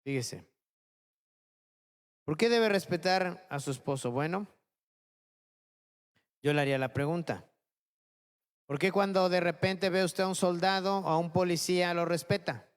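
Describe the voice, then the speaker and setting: A man's voice: high-pitched, unhurried, pauses often, smooth. A man preaching a sermon as pastor, who keeps checking in with his listeners and asks rhetorical questions.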